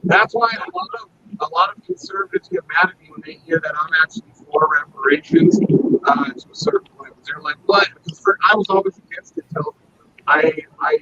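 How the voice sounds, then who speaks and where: Opinionated podcast co-host, male, heard through a murky underwater-sounding headset, gravelly and swooping. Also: sits high, huge pitch swings, a little fast. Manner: rambling, opinionated, swearing. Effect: muffled, underwater-sounding headset audio. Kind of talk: casual podcast chat. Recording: muffled lo-fi line with loud noise.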